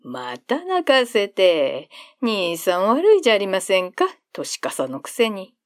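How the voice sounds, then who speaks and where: A woman's voice: mid-range voice, wildly swooping pitch, a little slow, no room sound, clean studio sound. A woman voicing an old nursemaid who scolds the older boy and dotes on the baby, in old-fashioned polite speech. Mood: scolding.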